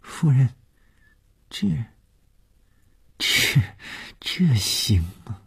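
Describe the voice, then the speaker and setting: A man's voice: low voice, animated, slow pace, dark tone, slightly rough, pitched above the performer's own voice, exaggerated voice. A man doing a shy young maid. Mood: timid. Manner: shy and hesitant. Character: timid eighteen-year-old maid, a girl.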